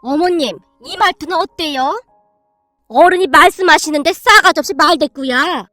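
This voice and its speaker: A woman's voice: extremely high pitch, animated, normal speed, fairly bright tone, no room sound, soft background music. A woman voicing a meek middle-aged mother-in-law, eager and trying hard to sound tough.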